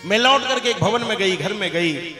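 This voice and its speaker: A male preacher with a lilt tells a devotional story, emotive and full of exclamations. His voice sits high for a man. It echoes through a large hall while devotional music plays behind him. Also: animated, moderate pace, bright, forceful tone. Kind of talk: devotional katha sermon.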